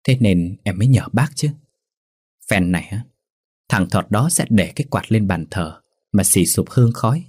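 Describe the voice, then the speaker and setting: A man's voice: lowish voice, lively intonation, normal speed, darkish tone, slightly rough, no echo. A man voicing an angry young villager with a grudge in a folk storybook tale, cursing and griping.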